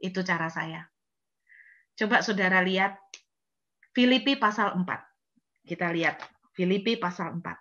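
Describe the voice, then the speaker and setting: Bright-voiced woman pastor preaching lively. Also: lowish voice, normal speed, pauses often, muffled recording. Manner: lively, conversational preaching with acted-out cries. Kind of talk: sermon.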